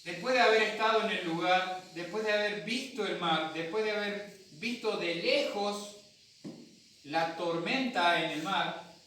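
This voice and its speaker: Argentine man preaching, high bright voice, booming church echo, distant mic. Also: unhurried, a little hiss or hum. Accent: Argentine Spanish. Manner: storytelling, acts out voices, talks with the congregation. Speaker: pastor. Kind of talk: sermon. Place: church hall. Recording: echoey hall from a distant mic.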